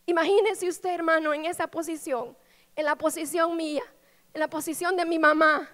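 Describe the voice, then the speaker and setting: A woman pastor with a Guatemalan accent delivers an emotional sermon in a very high voice, sinking into soft, hushed tones as she tells her story. Her words carry a long reverb through a church sanctuary. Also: steady tone, normal speed. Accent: Guatemalan Spanish. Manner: emotional storytelling, drops to soft low tones when recounting.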